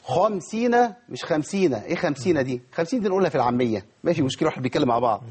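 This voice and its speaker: Fast, husky Egyptian recitation teacher. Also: male voice, mid-range voice. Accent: Egyptian Arabic. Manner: lively, quizzes students and models pronunciations. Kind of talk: tajweed lesson to a class.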